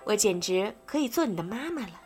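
A woman voicing a gentle fairy mother. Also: medium pitch, animated, brisk, soft background music, natural voice. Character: gentle kind fairy mother, patient and warm.

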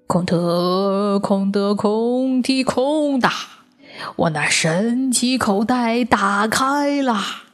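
A woman voicing a gentle, weary old grandfather storyteller with a slow, sighing delivery. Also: a little high, lively intonation, faint music behind. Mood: chanting.

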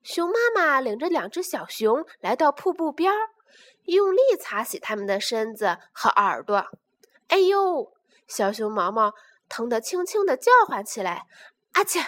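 A woman reading a children's storybook aloud in an expressive, animated way. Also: fairly high pitch, moderate pace.

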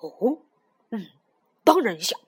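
A woman voicing a fierce but slow-witted snapping turtle with a gruff, low, slow voice. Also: big pitch swings, full character voice.

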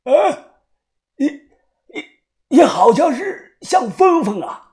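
A woman's voice: high voice, very animated, darkish tone, voice pushed up, heavily acted. A woman putting on a cackling crazed old kung fu master. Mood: gleeful. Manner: cackling, sing-song, drawn-out chanting. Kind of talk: storytelling audiobook.

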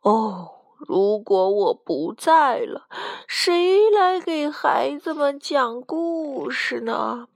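A woman voicing a frail, tearful old grandfather storyteller who speaks slowly and wearily. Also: high-pitched, very animated, fairly bright tone, dry recording, studio quality, voice pushed up, full character voice. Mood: weary sad. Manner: slow, weary, sighing.

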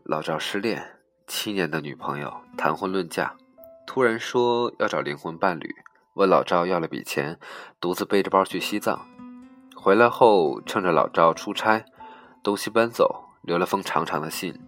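A man reading a humorous personal story aloud with a dry, deadpan comic delivery. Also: low-pitched.

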